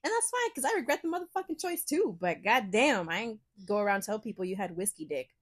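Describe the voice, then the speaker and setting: A young woman co-hosting a podcast, telling a story in casual chat, animated and profane, often laughing. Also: medium pitch, quick pace. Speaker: podcast co-host.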